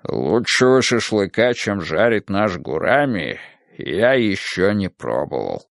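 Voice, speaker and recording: A man voicing a hearty older male chairman in an audiobook, declaiming slowly with a gravelly edge. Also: lowish voice, very animated, no room sound, studio quality, pitched below the performer's own voice, heavily acted.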